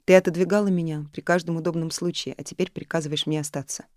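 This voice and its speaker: Fields: a woman doing calm, stubborn young man, terse. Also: deep voice, fast talker, no room sound, clean studio sound, lightly acted. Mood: firm. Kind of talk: audiobook character reading.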